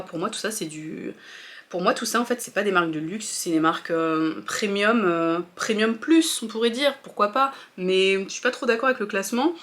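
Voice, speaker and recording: A woman's voice: medium pitch, a bit bright. Chatty French woman vlogger. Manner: chatty, hesitant, many fillers and restarts. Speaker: fashion vlogger. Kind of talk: casual opinion chat to viewers.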